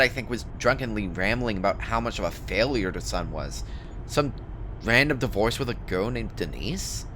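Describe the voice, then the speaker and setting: A man's voice: medium pitch, sharp tone, a little hiss or hum, rough recording. A man giving a dramatic reading of an online story in a casual, sweary, emphatic first-person way. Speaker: narrator reading a written forum post aloud.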